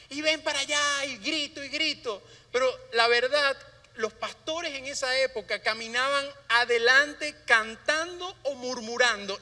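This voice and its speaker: A man with a very high, piercing bright voice delivers a sermon as pastor. He often sinks into a soft, hushed tone to stress a point. The sound carries a long reverb from a church hall. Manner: drops to a soft hushed voice for emphasis. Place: church sanctuary.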